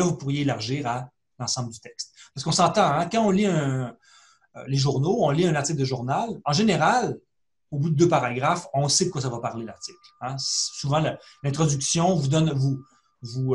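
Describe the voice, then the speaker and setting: A man, a librarian, talks through a screen-share tutorial in a conversational way, full of fillers and restarts. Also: fairly high pitch. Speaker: librarian giving a webinar.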